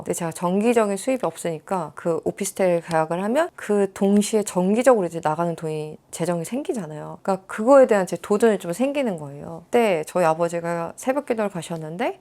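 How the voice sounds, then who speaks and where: Soft-spoken woman with a gravelly low voice. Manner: calm, soft-spoken confessional. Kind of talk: candid personal testimony.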